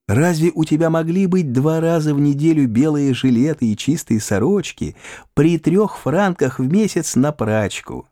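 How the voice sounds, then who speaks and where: A playful, adoring young woman, as a male audiobook narrator puts her on, her voice lifted high and lilting, soft and eager, swooping widely through each line. The sound is dry and close. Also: no echo. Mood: playful tender. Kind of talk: audiobook character reading.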